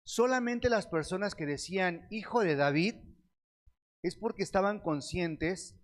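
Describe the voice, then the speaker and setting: A man preaching a sermon, reading scripture slowly and asking the congregation questions that he answers himself. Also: high-pitched, animated. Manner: reads scripture aloud with slow stretched words; addresses the congregation as beloved brethren.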